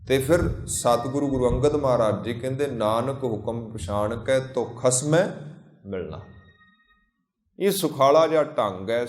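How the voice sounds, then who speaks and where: A man giving a Sikh sermon, slowly chanting scripture lines between plain explanations and repeating phrases in lists. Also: mid-range voice, a little mellow, reverberant. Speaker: Sikh preacher.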